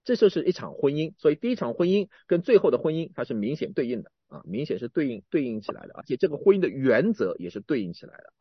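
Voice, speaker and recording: A man preaching a sermon, animated, often repeating and restarting words and swinging from emphatic to quiet. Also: a little high, fast talker, creaky, hardly any pauses, breathy edge, dry recording, muffled recording.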